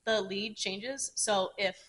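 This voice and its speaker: A podcast co-host chats casually and frankly, swearing freely and explaining things at length with plenty of asides. She speaks slowly in a mid-range, slightly bright voice, with slight background noise.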